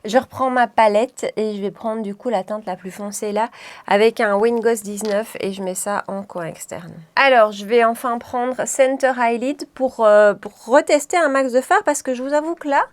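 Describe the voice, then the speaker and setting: A woman talks viewers through her makeup in a loose, chatty way, doubling back and correcting herself as she goes. Her voice sits a little high for a woman. It has the easy feel of a home tutorial. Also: normal speed. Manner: chatty, rambling, frequent self-corrections. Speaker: beauty vlogger. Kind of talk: casual makeup tutorial chat.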